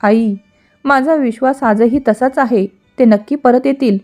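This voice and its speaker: A woman's voice: fairly high pitch, measured pace, darkish tone, faint music behind, close to an everyday voice. A woman reading the part of a devoted young wife who speaks earnestly and firmly. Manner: earnest, firm.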